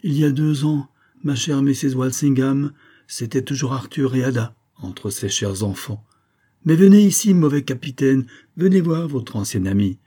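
A man reading aloud voices an effusive, flattering middle-aged army major with a theatrical, gushing manner. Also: medium pitch, normal speed, husky, pitched above the performer's own voice. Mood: reproachful.

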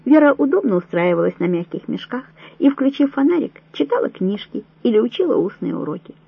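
A woman narrating an audiobook in a measured, even storytelling manner, with a husky voice. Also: a little high, dry recording. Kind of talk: scripted narration. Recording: dull lo-fi dry recording.

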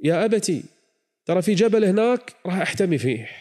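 A man preaches in a dramatic storytelling manner. His voice sits a little high and climbs into loud pleading cries before dropping to a hush. A long reverb trails his words. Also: sing-song, quick pace. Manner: dramatic, swings from hushed to near-shouted pleading.

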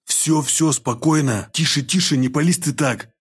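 A man's voice: fairly high pitch, moderate pace, husky, pitched above the performer's own voice. A man voicing a shrewd healer of a gang who gives curt, hissing orders. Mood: impatient.

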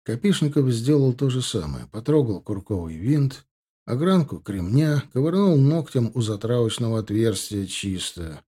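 A male audiobook narrator with a dark, mellow voice, telling a war story in a steady, measured way. The delivery is scripted and even, at middle pitch for a man. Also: slightly rough.

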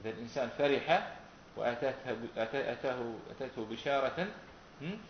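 A man's voice: mid-range voice, lively intonation, a little fast. Man teaching a class. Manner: asks students questions and repeats their answers. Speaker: Quran recitation teacher. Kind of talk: classroom lesson with questions to students. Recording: roomy, dull recording with faint noise.

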